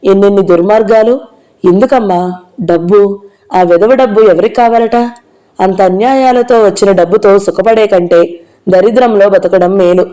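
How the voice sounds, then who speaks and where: A woman's voice: medium pitch, normal speed, warm tone, natural voice. A woman reading the part of an ill young woman who speaks in a weary, resigned way, in an audio novel.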